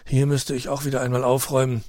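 A man reading aloud and voicing an eager young male dog with an excited, persuasive manner. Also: medium pitch, quick pace, dry recording, studio quality, voice pushed up, lightly acted.

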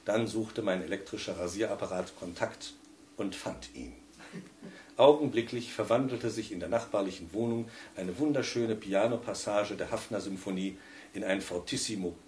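A man reading a humorous story aloud in a wry, lively way. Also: fairly low pitch, normal speed, slight background noise. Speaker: narrator.

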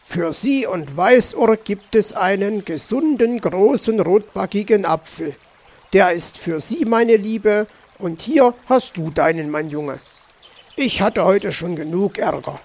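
Man reading a cranky, penny-pinching fox uncle for a kids' audiobook, high, creaky grumble. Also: lively intonation, takes it slowly, a little mellow, heavily acted. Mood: grumbling. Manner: grumbling, indignant. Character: grumpy stingy male fox uncle. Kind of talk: children's audiobook.

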